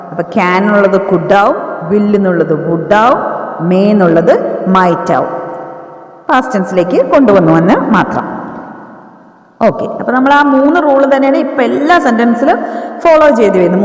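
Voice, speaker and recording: Woman grammar teacher, unhurried and animated, heard from across a reverberant room. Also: medium pitch. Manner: mixes Malayalam explanation with slow, spelled-out English dictation. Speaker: English teacher. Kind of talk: grammar lesson, dictating example sentences slowly. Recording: echoey room, voice from a distance.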